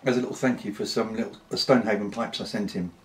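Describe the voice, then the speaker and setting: A British man in a casual, unscripted vlog chat, talking in an unhurried, rambling way with pauses. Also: fairly low pitch, fairly even intonation. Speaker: pipe-smoking vlogger.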